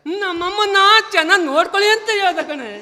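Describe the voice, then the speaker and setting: A man playing a gentle, loving father and husband in a village stage melodrama, pleading softly and repeating phrases. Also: very high-pitched, fast, long reverb tail. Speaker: stage actor.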